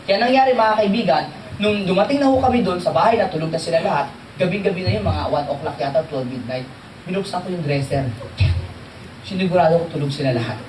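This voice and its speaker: A man giving a motivational training talk to an audience, animated and joking, often quizzing the listeners. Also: high voice, fast, a little hiss or hum. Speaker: seminar trainer. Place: seminar hall with audience. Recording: echoey hall, distant mic, faint crowd.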